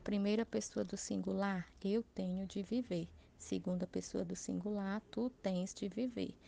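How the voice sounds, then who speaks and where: A woman teacher with a Brazilian Portuguese accent, giving an educational TV lesson and listing examples slowly and clearly. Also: medium pitch, fairly even intonation, warm tone, a little hiss or hum.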